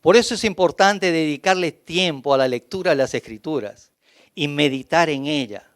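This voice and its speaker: Peruvian pastor preaching, emphatic, stacks up lists, highish voice, dry close sound. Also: male voice, lively intonation, normal speed, dry recording. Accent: Peruvian Spanish. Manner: emphatic, builds through long lists. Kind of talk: sermon. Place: church.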